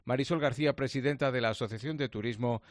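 Brisk male radio reporter, dry sound. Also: medium pitch, no room sound. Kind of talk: news report.

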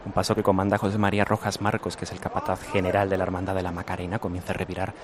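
Man reporting live in a flat voice. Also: low voice, very fast, noisy background. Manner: steady descriptive reporting with small restarts. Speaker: field reporter. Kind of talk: live event commentary. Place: outdoor city street among the procession.

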